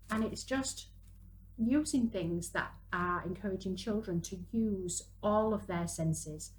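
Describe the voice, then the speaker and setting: A woman in her thirties, with a lowish voice and darkish tone, chats instructively through a casual craft demonstration for parents and young children, working as she talks. The recording is rough, with slight background noise.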